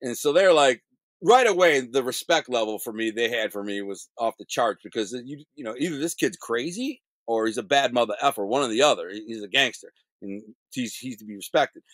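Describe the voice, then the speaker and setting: A man's voice: medium pitch, brisk, no echo. A middle-aged man, a guest telling his life story in casual, slangy talk, acting out the other people in it. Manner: animated, acts out other people's lines in the story; blunt street slang with censored swearing.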